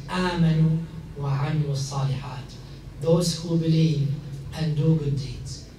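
A man, an imam giving a measured, emphatic talk to a mixed audience at a stand mic. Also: on the high side, a little mellow, a little hiss or hum. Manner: measured, emphatic, gesturing while speaking. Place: large hall indoors. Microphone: stand mic at a lectern. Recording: echoey hall, from a distance.

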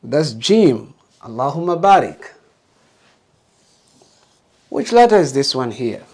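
A man's voice: medium pitch, very animated, measured pace, a little mellow. A man teaching a beginner alphabet lesson, patiently modeling letter sounds and encouraging learners to repeat.

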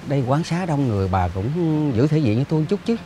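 A man's voice: fairly high pitch, very animated, fast, background noise. An actor playing a grey-haired older man caught cheating, pleading sheepishly, over background music. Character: old grey-haired man chasing young women.

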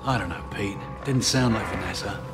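A man's voice: lowish voice, brisk, over music, lightly acted. An actor playing a weary, skeptical male survivor with a doubtful manner in a dramatic video game.

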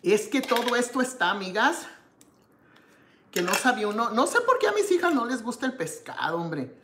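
A woman's voice: fairly high pitch, very animated, moderate pace, fairly bright tone, reverberant, a little hiss or hum. A woman from Mexico hosting a live cooking stream, tasting her dish with contented hums and greeting viewers by name. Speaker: cooking show host.

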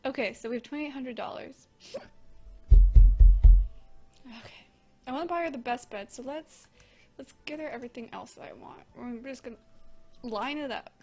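Giggly high-voiced woman with hiccups. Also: fairly quick, dull audio, soft background music. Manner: giggly, excitable, chatty. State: has the hiccups. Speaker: gaming channel host. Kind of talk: casual let's-play commentary. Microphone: desk microphone, leaning in close.

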